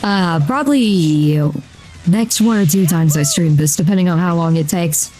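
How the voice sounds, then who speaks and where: At a moderate pace and medium pitch, a voice-changed streamer offers casual commentary while playing a video game, over soft background music. The delivery rambles easily, packed with "uh" and "like."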